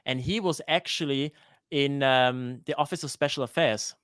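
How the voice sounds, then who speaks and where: A man's voice: mid-range voice, moderate pace, a bit bright, clear, resonant tone, no echo, clean studio sound. A man in his thirties from Denmark, a guest on a live-streamed interview, talking hesitantly with many restarts. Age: 30s.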